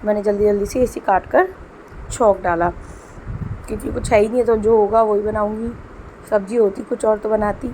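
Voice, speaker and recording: A woman's voice: medium pitch, steady tone, normal speed, mellow, slight background noise, poor audio. Chatty homemaker woman narrating her cooking. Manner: chatty, homely, explains as she goes. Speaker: homemaker vlogger. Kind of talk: casual cooking vlog voice-over.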